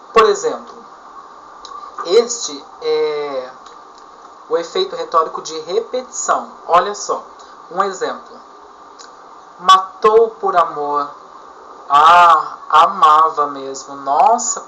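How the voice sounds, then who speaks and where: A woman's voice: fairly low pitch, sharp tone, a little hiss or hum. A woman with a Brazilian Portuguese accent, teaching a lesson on argumentation and working through examples step by step. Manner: explanatory, uses step-by-step examples. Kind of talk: recorded lecture on argumentation. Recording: dull lo-fi recording with faint ambience.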